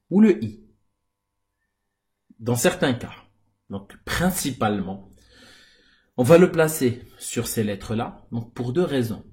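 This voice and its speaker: A male teacher giving a recorded grammar lesson, speaking deliberately and repeating key words for the viewer. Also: mid-range voice, darkish tone.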